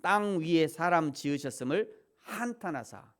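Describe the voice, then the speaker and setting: A middle-aged man preaching a sermon as pastor, shifting between hushed asides and loud emphatic peaks, and acting out quoted voices as he tells stories. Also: fairly high pitch, lively intonation, unhurried. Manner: acts out quoted voices in a playful storytelling way.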